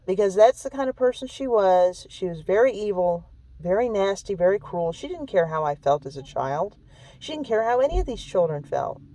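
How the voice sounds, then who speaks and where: A woman's voice: mid-range voice, lively intonation, moderate pace, warm tone, rough recording. A woman vlogger recounting a personal story in an emphatic, repetitive way, often checking in with "okay?" and sounding shaken. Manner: emphatic, repetitive, keeps adding "okay?" and "really"; emotionally shaken when recounting hurt.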